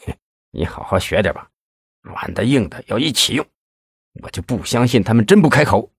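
A man's voice: expressive, moderate pace, breathy edge, dry recording, studio quality. A man voicing a scheming, menacing police boss. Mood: smug. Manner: low, menacing, hushed. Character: scheming cold older male police chief.

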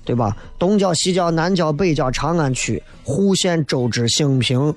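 A Xi'an comedy host with a Shaanxi accent talks at normal speed in a fairly high, animated voice. His monologue is humorous and colloquial, poking at local dialect and city life, and he slips into mimicry to get laughs.

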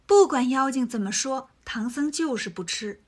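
A woman narrating a children's story in a lively, colloquial way. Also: high-pitched, moderate pace, slightly rough.

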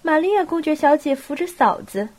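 A woman with a cold narrating a novel in a steady storytelling voice. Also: sits high, brisk. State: has a cold. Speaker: audiobook narrator. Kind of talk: novel reading.

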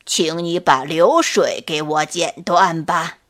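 A woman voicing a wise, patient old male turtle in a children's bedtime story, speaking calmly and gently scolding. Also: deep voice, slow, pitched below the performer's own voice. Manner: calm, patient, reproving.

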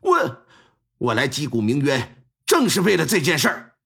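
Storyteller as a timid young son: earnest, pleading, slightly raised pitch. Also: male voice, wildly swooping pitch, moderate pace, creaky, fairly bright tone, breathy edge, exaggerated voice. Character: young male son, timid, protesting innocence.

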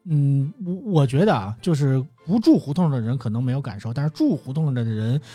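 Mellow, husky Beijing-accented man, very animated pitch. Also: brisk, no echo, faint music behind. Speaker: guest storyteller. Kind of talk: casual storytelling chat.

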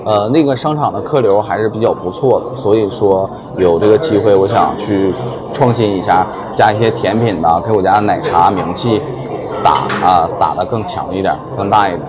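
A man's voice: lowish voice, normal speed. Hesitant male shop owner amid crowd chatter. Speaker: milk tea shop owner being interviewed. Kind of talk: casual interview answers. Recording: busy crowd chatter behind.

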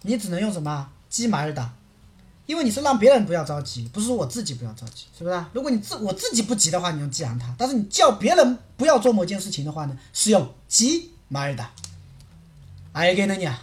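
Lively fast-talking woman teacher. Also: mid-range voice. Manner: lively, asks many rhetorical checks. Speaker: Korean language teacher. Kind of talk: livestream language lesson.

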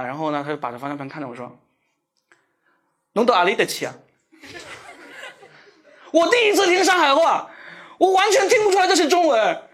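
Cantonese-accented guy doing standup, lively swinging pitch, laughs at his own jokes a lot. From Shenzhen, Guangdong. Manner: animated, self-mocking storytelling with frequent laughter. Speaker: stand-up comedian. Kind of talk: live stand-up comedy.

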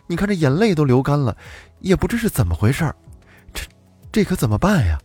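A man's voice: a little high, sing-song, brisk, a little mellow, husky, faint music behind, pitched above the performer's own voice. A man voicing a distraught young mother who pleads breathlessly about her crying child. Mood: pleading.

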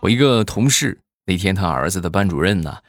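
A man telling comic stories in a lively way, acting out the characters' voices. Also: sits low, brisk. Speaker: comedian. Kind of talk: stand-up joke telling.

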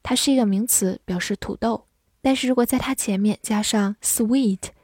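A woman teaching English vocabulary, spelling words slowly letter by letter in a clear, scripted lesson. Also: mid-range voice, darkish tone, dry recording, clean studio sound.

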